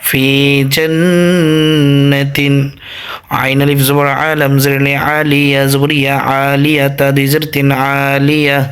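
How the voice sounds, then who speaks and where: A man's voice: medium pitch, monotone, moderate pace, hardly any pauses, a bit bright, clear, resonant tone. A man teaching Quran reading who spells out the Arabic letters and vowel marks one syllable at a time, patiently repeating each sound.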